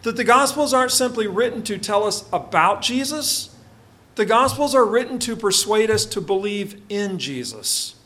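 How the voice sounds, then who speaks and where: A man's voice: high voice, expressive, moderate pace, pushed and bright. A male pastor preaching a sermon at a pulpit microphone in a church, reading scripture and then explaining it with frequent "uh" fillers.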